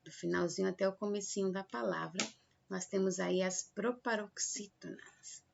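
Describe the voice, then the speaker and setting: A Brazilian woman teaching a lesson to children, slow and patient, stretching out example words to show the stressed syllable. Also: mid-range voice, steady tone, creaky, a little hiss or hum. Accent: Brazilian Portuguese. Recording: dull lo-fi recording.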